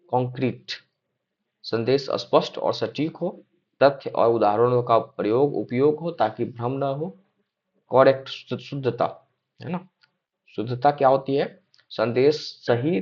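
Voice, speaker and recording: A man's voice: mid-range voice, a little mellow. A young man giving an exam-prep lecture, reading points aloud and checking in often with his listeners, with some hesitant fillers. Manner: repeats check-in tags like "है ना?" and "ठीक है?". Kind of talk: explanatory lecture. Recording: slightly dull lo-fi sound.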